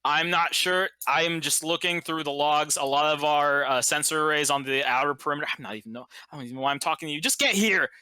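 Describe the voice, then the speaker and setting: A frantic dispatcher crackles over the radio, stammering and urgent, as a game master puts him on. The voice is very bright and crisp. It is recorded close and dry. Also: male voice, a little high, fast, few pauses, no room sound. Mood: harried. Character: panicked male radio dispatcher. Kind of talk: playing a tabletop game character.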